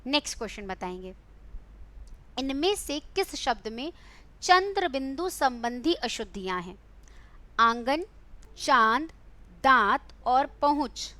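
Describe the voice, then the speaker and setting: A young woman with a high, bright voice leads an online exam-prep class. She quizzes her students one question at a time and coaxes them along with a fond, teacherly warmth. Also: expressive, takes it slowly, pauses often. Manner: coaxing, quizzing students and calling them beta. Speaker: Hindi teacher.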